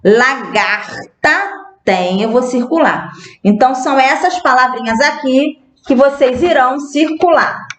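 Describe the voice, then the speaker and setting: A Brazilian woman teaching a primary school class, speaking slowly and patiently, spelling words out one at a time. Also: high voice. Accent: Brazilian Portuguese. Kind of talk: recorded remote class lesson. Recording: echoey room.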